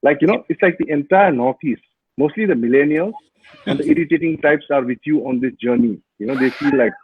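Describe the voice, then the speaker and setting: A man's voice: a little high, slightly rough, phone-quality sound. Chatty man on a thin call line. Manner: chatty, teasing, halting fillers. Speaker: host reading viewer comments. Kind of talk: casual live interview.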